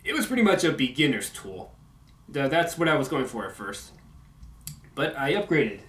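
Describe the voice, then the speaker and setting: A man's voice: mid-range voice, sing-song, a bit bright. A man casually talking about video games in a vlog update, mumbling and stumbling through lots of fillers on a condenser mic. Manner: mumbling, halting, full of fillers. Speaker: video game commentator. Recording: echoey home room.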